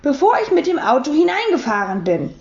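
A woman voicing a timid, meek man who speaks breathlessly and high. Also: very animated, brisk, a little mellow, roomy sound, dull audio.

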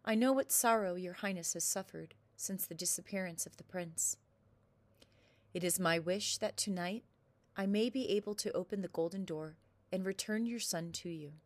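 A woman's voice: on the low side, moderate pace, no room sound, close to an everyday voice. A woman reading aloud, voicing a fat, nervous male storyteller who pleads and stammers with fear. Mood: pleading.

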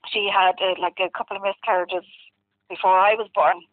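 A woman's voice: mid-range voice, fairly even intonation, a little fast, no echo. A woman with a west of Ireland accent, telling a personal story casually and candidly in a rambling, conversational way full of filler phrases. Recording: muffled, dry phone-like line.

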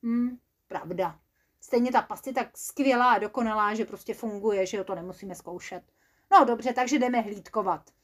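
A woman voicing a bossy, excitable male creature leader, pushy and theatrical. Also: medium pitch, natural voice. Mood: offhand.

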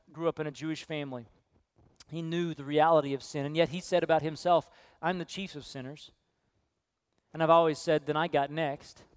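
A man preaching a sermon to his congregation, earnest and direct, telling stories with hushed quoted voices. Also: high voice, clean tone, dry recording, studio quality. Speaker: pastor. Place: church sanctuary.

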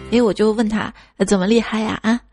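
A woman's voice: medium pitch, steady tone, fast, a little mellow, soft background music. A woman hosting a show of funny stories about children, reading them in a playful way and putting on childlike voices for the kids. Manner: playful, slips into childlike voices for kids' lines. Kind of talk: radio-style comic storytelling.

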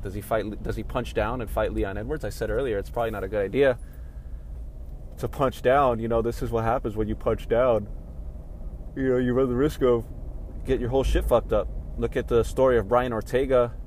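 A man's voice: mid-range voice, fairly even intonation, a little fast, a little mellow, slight background noise. A man talking casually at home about fight news, rambling and yawning as he goes. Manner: rambling, yawning, laid-back. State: sleepy, yawning. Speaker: MMA commentary vlogger. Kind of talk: casual solo talk. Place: home room with sunny window.

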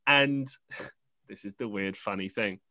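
Low-voiced young English man, rambling. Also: unhurried, bright, forceful tone, no echo. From England. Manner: rambling storyteller, frequent fillers and restarts. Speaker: podcast host. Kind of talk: casual conversation.

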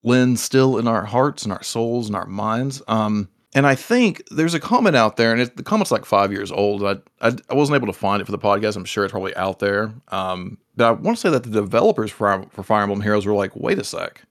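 A man co-hosting a casual video game podcast, talking animatedly and jumping into high excited voices when he quotes himself. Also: brisk, hardly any pauses. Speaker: podcast co-host. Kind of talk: casual podcast chat about video games.

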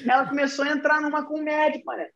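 A young man, telling an anecdote in casual chat, profane and animated. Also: very high voice, rapid-fire, creaky, muffled recording. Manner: profane, animated, slangy storytelling. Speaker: podcast storyteller.

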